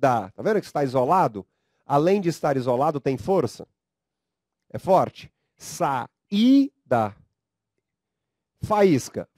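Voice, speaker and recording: A Brazilian man lectures on grammar in a measured, unhurried way, stretching out syllables for emphasis. His fairly high voice swings widely in pitch as he coaxes students along. The recording is dry and close, with no room sound. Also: sing-song, darkish tone, dry recording. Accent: Brazilian Portuguese. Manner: slow, emphatic, drawn-out syllables; addresses students directly, coaxing them to read aloud. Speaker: teacher.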